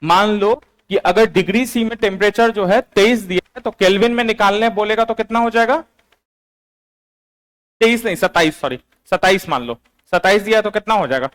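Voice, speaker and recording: High-voiced teacher dictating. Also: male voice, fairly bright tone. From Bihar, India. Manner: slow and repetitive, quizzing online students. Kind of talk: classroom lecture, dictating notes.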